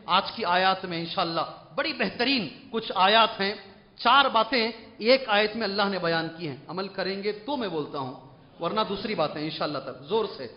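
A man's voice: high-pitched, slight background noise. A male Islamic scholar gives an emphatic Quran commentary lecture, often putting questions to the audience. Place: large mosque hall. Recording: long mosque reverb, dull lo-fi.

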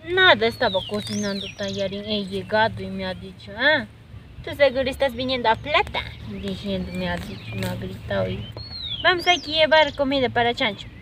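An actress playing a young daughter who recounts being shouted at and beaten, in plain rural Spanish. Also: female voice, mid-range voice, lively intonation, normal speed, background noise, close to an everyday voice. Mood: upset. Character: young daughter telling of a beating. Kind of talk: amateur drama acting. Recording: music bed behind.

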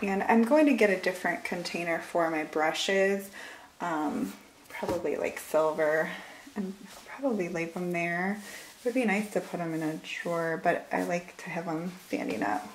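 A forties-aged woman from Michigan vlogs a relaxed walk-through of her home, room by room, often laughing and leaving thoughts unfinished. She talks at an ordinary pace in a lowish voice. The recording is rough, with some faint background noise.

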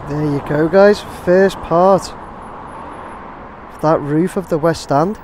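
A man with an English accent narrates his drone footage outdoors near a construction site, a rambling, chatty vlog in which he talks to "guys." He speaks slowly in a fairly high, slightly mellow voice, and there's a little hiss or hum in the recording.

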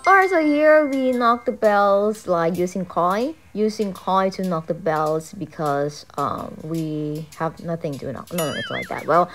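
A young Thai woman with a Thai accent chats casually in her travel vlog, upbeat and talkative, often saying "alright" and "you know." Her voice sits on the low side and runs a little slow with few pauses. It's a voice-over laid under loud background music.

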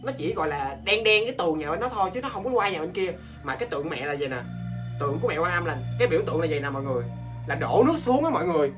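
A man with a Southern Vietnamese accent, hosting a ghost story show in a chatty, animated way and talking straight to his viewers. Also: on the high side, music in the background. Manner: animated, talks straight to viewers, quick asides and laughs.

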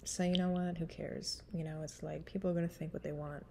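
With little pitch movement, a brisk pace and a mellow sound, a thirty-something woman with a smoky, husky low voice and a stuffy nose chats before her cover song. The singer vlogger rambles frankly and laughs into a webcam in a small room, over a little hiss or hum.

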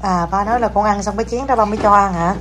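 A young woman, chatting at home with her child and slowing down to coax out the right words. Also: medium pitch. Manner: coaxing, slows down to model words for the child. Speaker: mother filming her child. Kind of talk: casual home chat with a child. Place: at home indoors.

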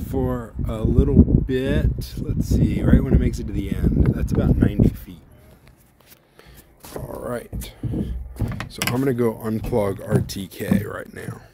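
A man casually narrating his robot mower test as a home video creator, thinking out loud and explaining what he sees on screen. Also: on the low side, heavy background noise. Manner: thinking aloud, conversational, explanatory. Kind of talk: casual tech vlog narration. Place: indoors, at home near a computer, at times outside.

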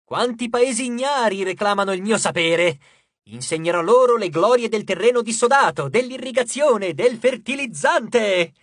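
Narrator putting on a booming boastful harvest god. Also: animated, moderate pace, dry recording, clean studio sound. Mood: exultant. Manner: grandiose, declaiming, loud. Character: boastful male harvest god, theatrical and impatient. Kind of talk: audiobook character voice.

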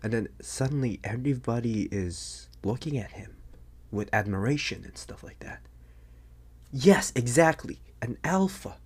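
In an ASMR audio roleplay, a young man voices an anxious, bewildered teenage boy who is turning into a werewolf. He speaks haltingly in a husky, breathy half-whisper, his mid-range voice animated and slightly dark, sounding bewildered and urgent.

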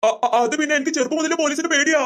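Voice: high voice, steady tone, racing, fairly bright tone. A performer doing a stammering crooked sweet seller. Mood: nervous. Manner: stammering, fake politeness. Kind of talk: comic skit voice acting.

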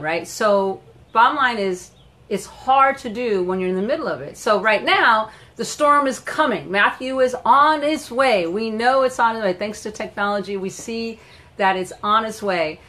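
A middle-aged woman hosting a casual live stream from her home, animated and chatty, greeting viewers by name and laughing often. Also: medium pitch, unhurried. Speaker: live-stream host and wellness coach. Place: at home in Florida.

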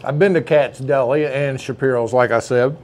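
A man's voice: mid-range voice, moderate pace, darkish tone. A man, chatting casually as he reviews food in a deli, folksy and savoring each bite. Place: indoor deli dining room.

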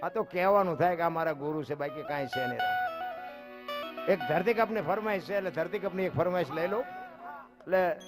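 A man's voice: fairly high pitch, normal speed, pauses often, music in the background. A man telling folk stories live, chatting directly with his listeners. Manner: chatty, addresses listeners directly, laughs softly. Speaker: folk storyteller. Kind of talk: live folk storytelling to an audience.

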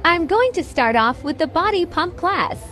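A woman's voice: extremely high pitch, very animated, normal speed, fairly bright tone, a little hiss or hum. A young woman in her twenties narrating a casual vlog voice-over, explaining each step plainly. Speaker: vlogger.

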